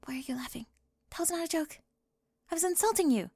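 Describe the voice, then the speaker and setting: In a whispered ASMR roleplay, a woman with a very high voice is teasing and sharp-tongued, shifting between whispers and soft speech close to the microphone. She talks fast with lively intonation, and there's no room sound.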